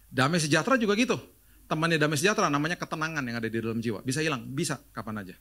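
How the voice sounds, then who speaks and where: Lively Indonesian man preaching. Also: medium pitch. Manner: lively storytelling with quoted dialogue and jokes. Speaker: pastor. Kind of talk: sermon.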